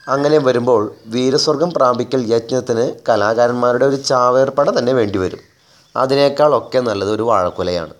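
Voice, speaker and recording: A man reading a humorous story aloud as a storyteller, in a measured, wry, deliberate manner. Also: medium pitch.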